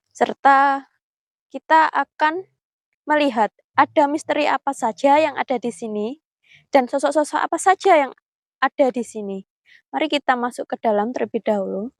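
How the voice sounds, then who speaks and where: High-voiced woman in a hushed night vlog. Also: normal speed, long pauses, no room sound. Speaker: vlog host.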